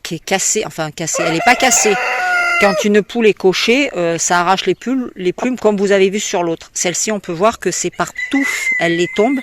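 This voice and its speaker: A woman's voice: mid-range voice, heavy background noise. A French woman, a poultry breeder, talking casually into her handheld phone as she walks around outdoors and explains things. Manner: chatty, explanatory, with many fillers. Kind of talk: casual walk-through video. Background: hens clucking.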